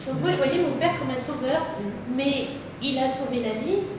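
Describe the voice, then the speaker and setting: A middle-aged woman giving a personal account in conversation, earnest and hesitant, often pausing and restarting her sentences. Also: high voice. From France. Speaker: interviewee. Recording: echoey room, distant mic, background noise.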